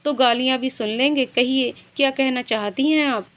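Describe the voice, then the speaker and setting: A woman's voice: high voice, normal speed, a bit bright. A woman voicing a playful, lovestruck young man in a storybook tale, speaking in a joking way.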